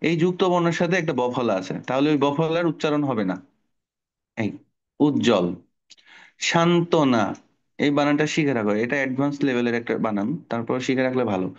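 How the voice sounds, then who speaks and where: A man's voice: medium pitch, fairly quick, muffled recording. A middle-aged man teaching an online spelling class to children, explaining patiently and asking the class questions.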